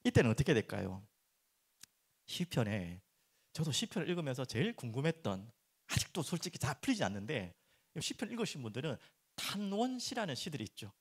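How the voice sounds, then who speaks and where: A middle-aged man preaching a sermon as pastor, turning expressive when he acts out prayers and dropping soft and low for earnest points. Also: fairly quick, husky. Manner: animated, acts out prayers and complaints in raised voice.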